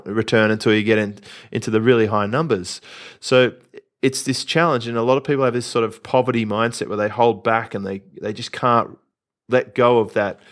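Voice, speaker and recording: A man from Australia hosting a casual podcast, talking confidently about business and spending. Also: mid-range voice. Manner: confident, animated storytelling with asides. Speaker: podcast host, entrepreneur coach.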